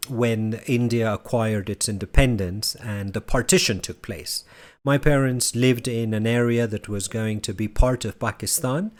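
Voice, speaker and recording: This man, raised in Barcelona, Spain, is a university lecturer presenting his research at a conference. His voice is on the low side, and he speaks in a measured manner, laying out his points as lists.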